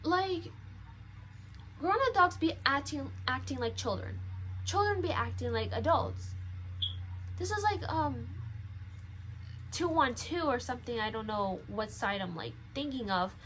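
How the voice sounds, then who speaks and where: A woman's voice: high voice, lively intonation, measured pace, long pauses, fairly bright tone, a little hiss or hum, low-quality recording. A nineteen-year-old woman talking casually to her viewers in a rambling, lecturing way, with many fillers and restarts. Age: young adult. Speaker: vlogger. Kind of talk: casual chat.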